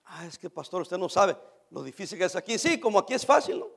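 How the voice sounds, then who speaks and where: A male pastor preaching an animated sermon, swinging from shouts down to near-whispers and acting out his church members' complaints. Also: high voice, fast talker, gravelly.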